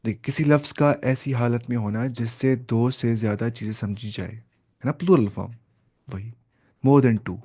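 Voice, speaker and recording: A man's voice: medium pitch, a little mellow. A man teaching Arabic grammar in a lecture, asking his students questions and answering them himself, with English terms mixed in. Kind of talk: classroom lecture.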